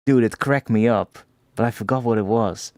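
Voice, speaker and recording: A man's voice: mid-range voice, normal speed, darkish tone, dry recording, clean studio sound. A young man chatting casually on a livestream, rambling with frequent swearing and laughs as he gives feedback on music tracks. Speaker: music producer streamer giving feedback.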